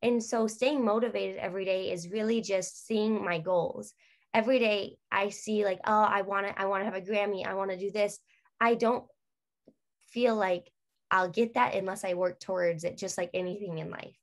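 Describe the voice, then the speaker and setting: A woman's voice: medium pitch, fairly even intonation, normal speed. A young woman, a guest singer, talking earnestly and chattily on a video call, drifting off on tangents. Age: young adult. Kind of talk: casual video-call interview. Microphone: laptop webcam on video call.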